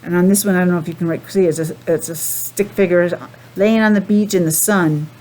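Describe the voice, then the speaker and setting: Her voice is fairly low and dark in tone, with fairly even intonation and a fairly quick delivery; the audio is poor, with slight background noise. A preschool teacher, she reads a picture book to young children, patiently questioning them and explaining things simply.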